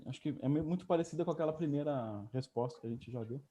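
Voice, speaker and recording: A man's voice: a little high, fast, noisy background. A man, an official giving hesitant remarks full of fillers at a public hearing over a video call. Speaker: tourism agency official.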